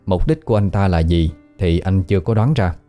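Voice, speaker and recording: A man narrating a ghost story in a calm, even audiobook reading. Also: sits low, fairly quick. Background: faint background music.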